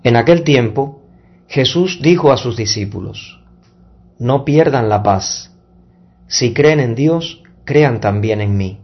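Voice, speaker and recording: A man speaking as a priest at Mass, measured and deliberate, in solemn liturgical reading and preaching. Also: medium pitch, lively intonation, husky, dull audio. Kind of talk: solemn Gospel reading and homily. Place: church Mass livestream.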